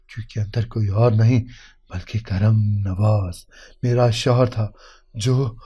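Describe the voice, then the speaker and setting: Dark-voiced, husky male storyteller. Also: mid-range voice. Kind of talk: dramatic story narration.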